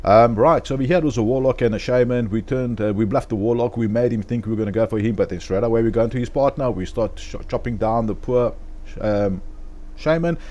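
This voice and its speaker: A man with a South African accent talks quickly through a casual game commentary. His voice sits at an ordinary middle pitch, and he keeps things chatty and upbeat, calling his viewers "guys" often. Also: darkish tone. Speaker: gaming video host.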